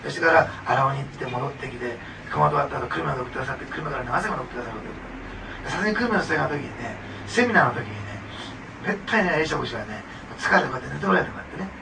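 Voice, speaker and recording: Lively gravelly pastor preaching. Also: male voice, medium pitch, very fast. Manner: lively, conversational, laughs often, asks the audience questions. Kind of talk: sermon. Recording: distant mic with clear background noise.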